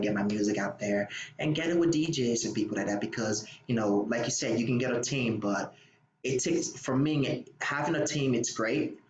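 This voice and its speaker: A young man from Liberia speaks with a Liberian English accent in a relaxed, unhurried way, often circling back to restart a phrase. His voice carries a noticeable room echo, with steady background noise under it. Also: lowish voice. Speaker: guest musician. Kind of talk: casual interview talk.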